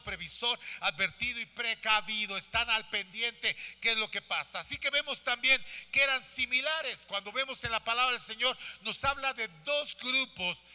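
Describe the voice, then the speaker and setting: A man's voice: extremely high pitch, sharp tone, clear, resonant tone. A man preaching a sermon as pastor, calling out to the congregation with growing fervor. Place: church sanctuary. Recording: long church hall reverb.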